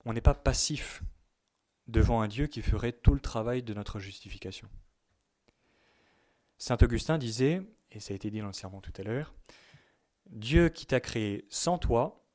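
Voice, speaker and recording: A man delivering a religious teaching talk in a dark, mellow voice. He speaks in a measured way and leans hard on the words he wants to stress. He sometimes reads quotations aloud. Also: medium pitch. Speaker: teacher at a youth retreat.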